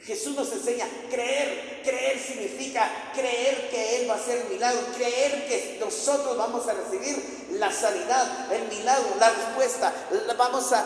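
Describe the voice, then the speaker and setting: A man's voice: very high-pitched, steady tone, moderate pace, hardly any pauses. A man preaching a sermon, telling the story with repetition and acting out the voices. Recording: echoey hall with faint ambience.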